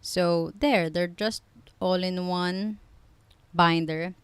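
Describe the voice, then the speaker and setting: A vlogger in her twenties chats away in a casual, rambling vlog, correcting herself and tossing in quick asides. Her slightly low voice is smooth, clear and steady in tone, recorded close and dry with no room echo.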